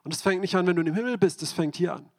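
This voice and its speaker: A man's voice: high-pitched, racing. A man preaching a sermon, speaking directly to the congregation and asking them repeated questions.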